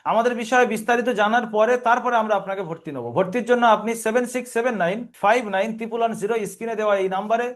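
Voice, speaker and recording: A man's voice: high voice, very fast, few pauses. A man teaches a recorded online lesson. He goes step by step, posing questions and answering them himself in a patient, drilling way. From Bengal region of India. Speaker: Quran reading teacher.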